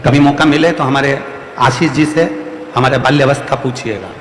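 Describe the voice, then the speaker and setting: A man's voice: mid-range voice, steady tone, normal speed, fairly bright tone, slight background noise. A man preaching a devotional sermon to a large gathering with a Madhya Pradesh Hindi accent, repeating lines emphatically to drive his point home. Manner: repetitive, emphatic, rhetorical preaching. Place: large outdoor religious gathering. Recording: echoey hall, long reverb, faint music.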